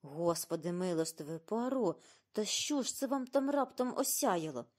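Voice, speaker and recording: A woman's voice: lowish voice, lively intonation, moderate pace, darkish tone. A woman reading an audiobook and voicing an earnest, curious male companion who asks eager questions. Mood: astonished.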